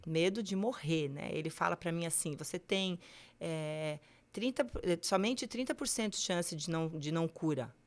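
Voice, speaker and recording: A woman in her forties with a low voice shares her own story in a podcast chat. She speaks candidly and haltingly, leaning on small fillers as she goes. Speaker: guest sharing her cancer story. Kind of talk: emotional personal storytelling.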